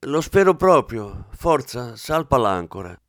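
A man voicing a brisk, impatient middle-aged police commissioner who gives orders. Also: mid-range voice, sing-song, fairly bright tone, no echo, studio quality. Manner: commanding, impatient.

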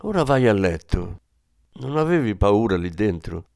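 A man voicing a worried, superstitious mother in an audiobook, speaking in a hushed, grave way. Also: on the low side, big pitch swings, normal speed, creaky, smooth, no echo, studio quality. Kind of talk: audiobook reading.

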